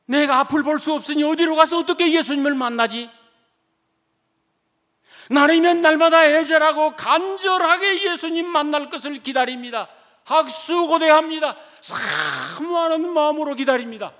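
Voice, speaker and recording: A man's voice: sits high, normal speed, pauses often, lightly acted. A man doing a desperate blind beggar crying out. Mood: yearning. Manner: pleading, shouting, raised voice. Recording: long church reverb.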